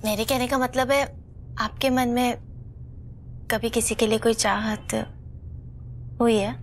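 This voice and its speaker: A woman's voice: a little high, steady tone, measured pace, a little hiss or hum, natural voice. An actress playing a young wife who questions her husband earnestly in a TV drama. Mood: questioning. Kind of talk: television drama acting.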